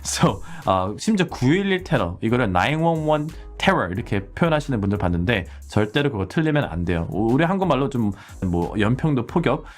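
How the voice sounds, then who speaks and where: A man's voice: mid-range voice, big pitch swings, brisk, hardly any pauses, soft background music. A Korean-born man in his forties teaching English conversation casually, acting out heated street exchanges. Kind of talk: casual English lesson with role-play examples.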